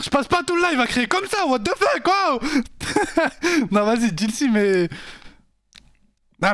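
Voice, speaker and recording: A man streaming live, chatting casually and directly with his viewers in an animated, slangy way. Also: high-pitched, dry recording, studio quality. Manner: animated and slangy, talks straight to his chat.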